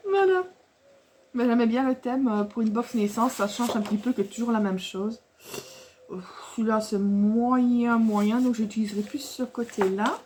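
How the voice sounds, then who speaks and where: Chatty rambling woman, slightly high voice. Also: steady tone, moderate pace, darkish tone, a little hiss or hum. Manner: rambling and chatty, with many fillers and restarts; laughs often while talking. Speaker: scrapbooking vlogger showing a craft haul. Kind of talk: casual chat to camera.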